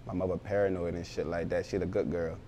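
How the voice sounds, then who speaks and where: Deep flat-voiced young man, loose slang. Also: quick pace, a little hiss or hum. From Baltimore, raised in Philadelphia. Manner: loose, rambling street slang. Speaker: rapper, interview guest. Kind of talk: casual interview talk.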